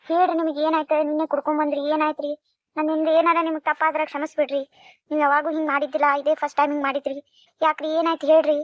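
A woman voicing a gentle, anxious young wife with a North Karnataka accent in a cartoon, pleading and soft-spoken. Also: sits high, little pitch movement, rapid-fire, dry recording, close to an everyday voice. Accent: North Karnataka Kannada. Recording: dry, dull lo-fi sound.

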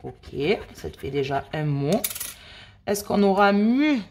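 A woman hosting a scratch-card video, chatting slowly and addressing her viewers as friends while she checks numbers and letters. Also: mid-range voice, big pitch swings, a little mellow, a little hiss or hum. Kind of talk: casual play-by-play commentary.

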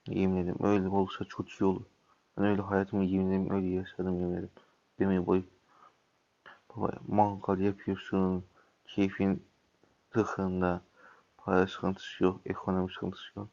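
Sick gravelly-voiced man gaming. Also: low-pitched, normal speed, long pauses, muffled recording. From Turkey. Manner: excitable, swears at other players and calls them over. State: sick with a sore throat and cough. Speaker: gaming YouTuber. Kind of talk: casual gameplay commentary.

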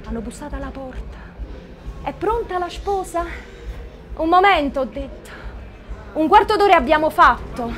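A woman playing a chatty mother. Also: sits high. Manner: lively, earthy, dialect-laced storytelling. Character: chatty southern mother of a weeping bride. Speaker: auditioning actress. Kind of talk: theatrical storytelling monologue.

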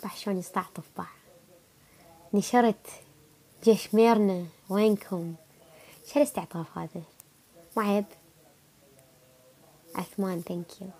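A woman's voice: medium pitch, steady tone, unhurried, long pauses, mellow. A young woman with an Iraqi Arabic accent, feeling sick, chatting casually with viewers on a livestream and answering their comments. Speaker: livestream host. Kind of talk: casual live chat with viewers.

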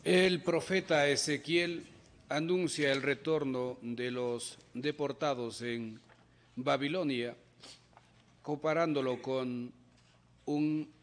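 A young man reads an introduction to the Mass readings from a lectern on a studio chapel set. His delivery is slow and carefully measured, and he speaks into a gooseneck mic. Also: mid-range voice. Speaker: lector.

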